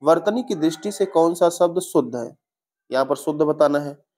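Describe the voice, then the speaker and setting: A man's voice: a little high, lively intonation, moderate pace, a little mellow. A young male teacher walking through exam spelling answers step by step in an online lesson, often correcting himself mid-sentence.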